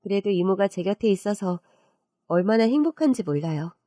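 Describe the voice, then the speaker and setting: A woman voicing a grateful teenage girl who speaks softly and earnestly. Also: mid-range voice, lively intonation, a little fast, no echo, studio quality, close to an everyday voice. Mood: tender.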